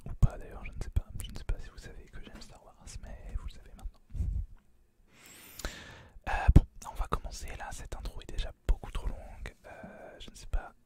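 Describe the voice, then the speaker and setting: A host whispering right into the listener's ear in informal, rambling ASMR gaming commentary, with some hesitation. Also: a little fast.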